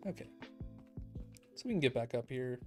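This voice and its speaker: A man's voice: mid-range voice, moderate pace. Chill guy streaming a game, talks to himself while he plays, kinda out of breath, music playing behind him. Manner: relaxed, self-deprecating, thinking aloud. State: a little out of breath. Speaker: let's play streamer. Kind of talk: casual gameplay commentary. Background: background music.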